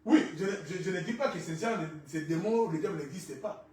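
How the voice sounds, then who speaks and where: A male pastor preaching a sermon, rising to shouts and falling quiet, with Lingala phrases mixed in. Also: high-pitched, a little fast, slight background noise. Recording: echoey church from far off.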